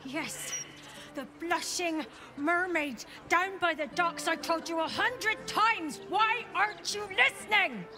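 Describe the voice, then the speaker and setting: A frantic, distraught mother in a video game, her very high voice pleading and exasperated. Music plays clearly behind her. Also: takes it slowly. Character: frantic mother searching for her missing daughter.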